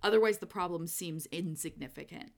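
A woman co-hosting a podcast, chatting casually about books in an animated way and laughing often. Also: lowish voice, fairly quick. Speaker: podcast co-host. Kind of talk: casual book discussion.

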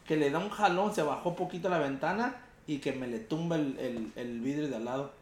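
A man's voice: fairly high pitch, a little fast, roomy sound. Slangy young Mexican man telling a story. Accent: Mexican Spanish. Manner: animated, slangy, acts out quotes. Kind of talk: casual storytelling chat.

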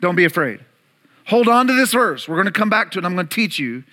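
A man's voice: high voice, big pitch swings, rapid-fire, bright, forceful tone. A man preaching a sermon to his congregation, telling the story dramatically with playful asides to the room. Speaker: pastor. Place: church service before a congregation.

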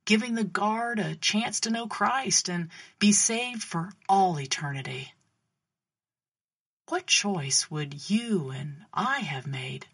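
Slow, breathy woman telling a faith story. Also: mid-range voice, fairly bright tone. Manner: dramatic storytelling with pauses and questions to the listener.

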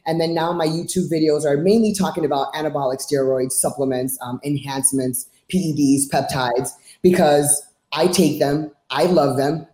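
A woman in her forties from Miami, United States, answers interview questions as a fitness coach, speaking bluntly and emphatically. Her voice is low and dark, and the recording sounds roomy and echoing.

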